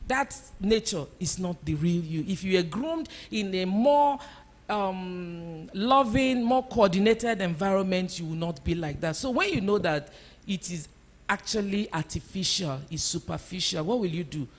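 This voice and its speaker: A woman addresses a church conference audience in an emphatic talk. She presses her points home by repeating them. Her voice is lively and moves up and down. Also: lowish voice, unhurried. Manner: emphatic, repeats key phrases. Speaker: conference speaker.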